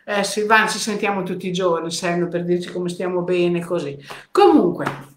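A woman's voice: on the low side, little pitch movement, fairly quick, a bit bright, reverberant, slight background noise. An older woman from hosting a live stream, chatting casually and greeting viewers by name. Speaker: host of a weekly live stream. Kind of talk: casual live chat reading viewer comments.

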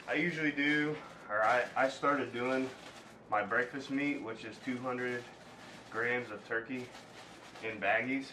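An American bodybuilder in his thirties vlogs casually to the camera indoors, moving between gym and home rooms, and pauses mid-sentence. His voice is medium-pitched with a sharp tone. A camera mic at some distance makes the sound roomy, with clear background noise.

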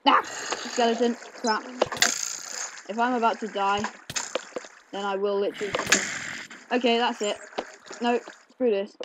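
Here the gameplay host's high voice comes out flat and unhurried, broken by frequent pauses, while heavy noise fills the clip. He chats and rambles with lots of fillers, keyboard clicks coming through his desk mic in a slightly dull home setup.

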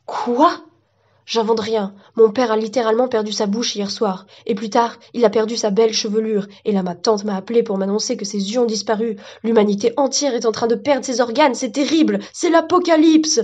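A woman voicing a jittery young male neighbor who talks in a rushed, excitable way, on a dull lo-fi recording. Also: fairly high pitch, husky. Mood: alarmed.

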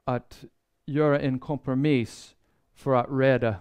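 Speaking at a Bible seminar, a man gives a sermon-style lecture, measured and earnest, pausing often and restarting phrases. His voice is mid-range, smooth and resonant, steady in tone and a little mellow.

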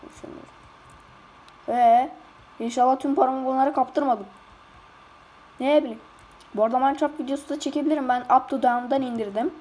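A woman commenting on a game in casual chat, excitable and slangy, often yelping and shouting. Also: high-pitched. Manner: slangy, keeps saying "lan". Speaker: gamer.

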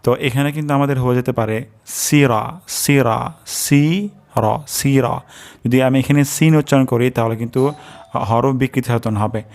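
A man teaching careful pronunciation, breaking words into syllables and repeating sounds slowly. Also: mid-range voice, a little mellow. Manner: drawn-out melodic chanting when reciting verses. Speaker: Quran recitation teacher. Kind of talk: slow pronunciation lesson.

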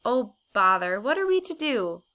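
A woman's voice: fairly high pitch, big pitch swings, normal speed, pushed and bright, voice pushed up. A woman reading aloud, voicing a kind-hearted young boy in a raised, pleading tone. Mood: fretful.

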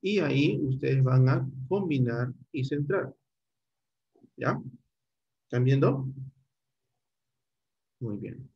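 A man's voice: mid-range voice, expressive, slow pace, creaky, pauses often, husky, dull audio. A middle-aged man teaching a computer class online, guiding students step by step and checking in often.

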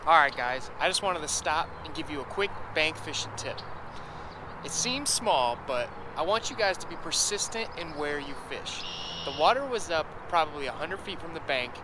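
A man with a slightly high voice talks to viewers while bank fishing, eager and chatty. He records on an action camera by a pond, with outdoor noise clearly heard behind him. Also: normal speed. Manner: excitable, hypes up catches to viewers. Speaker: fishing vlogger. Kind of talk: casual outdoor vlog. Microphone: action camera, selfie framing.

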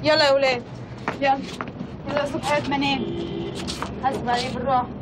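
A woman's voice: high voice, flat delivery, fast talker, heavy background noise, natural voice. An actress with an Egyptian accent playing a worried young daughter urging her father to be careful.

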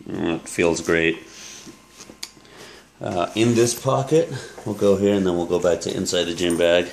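A man in his thirties, a fitness coach, casually walking through his gym bag in a relaxed, rambling way with many fillers, filmed at arm's length in a small room. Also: sits low, measured pace, gravelly. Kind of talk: casual gear walkthrough vlog. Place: small room with yellow walls, indoors. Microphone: handheld camera at arm's length.

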